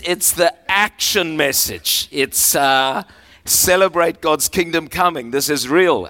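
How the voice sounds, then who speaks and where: A male pastor delivering a sermon in an earnest, unpolished way, often pausing on fillers as he gathers his thoughts. His voice sits at an ordinary middle pitch, and he slows down to lean on scripture passages as he reads them aloud. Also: a bit bright. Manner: earnest, halting with frequent fillers.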